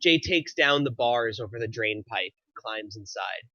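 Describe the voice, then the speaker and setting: At normal speed and with an expressive delivery, a man voices the stage directions for a script table read. The medium pitch of his voice carries a crisp brightness, and the recording sounds dry and a bit dull.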